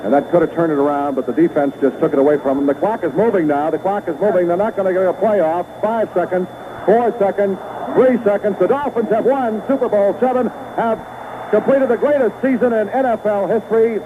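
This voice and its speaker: On a noisy, phone-like vintage radio broadcast, a man calls a football game live in short, clipped phrases as the action unfolds. His voice sits high and moves a little fast.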